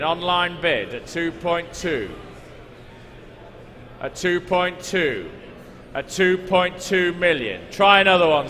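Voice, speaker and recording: At a live car auction, a high-pitched man with a pushed, bright delivery calls out bids, hammering the figures again and again to coax buyers. Background noise and the echo of a large hall fill the recording.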